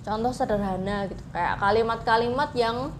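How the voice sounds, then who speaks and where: A woman with a fairly high voice explains in a casual, conversational way. She slips English phrases into her informal talk, and there is audible noise in the background. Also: moderate pace. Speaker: host explaining psychology with personal stories.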